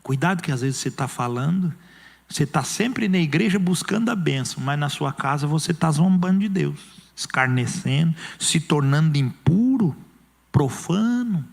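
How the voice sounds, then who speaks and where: A man's voice: a little high, expressive, moderate pace, creaky. A male pastor with a Brazilian Portuguese accent preaching an emphatic sermon, acting out quoted voices. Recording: long church hall reverb.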